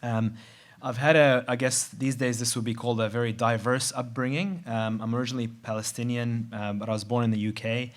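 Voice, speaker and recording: A middle-aged man from Dubai speaks at a conference in a voice of middle pitch. He talks in a conversational, measured way, now and then restarting a word. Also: steady tone. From Middle East, grew up in Dubai. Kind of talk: conference presentation. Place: large venue.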